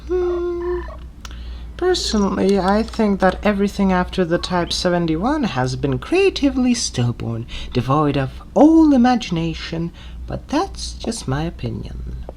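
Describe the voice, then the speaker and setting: A woman's voice: mid-range voice, big pitch swings, a little slow, darkish tone, a little hiss or hum. A woman playing a suave, sarcastic renegade male Time Lord in an audio drama, theatrical, mock-courteous and condescending. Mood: disdainful.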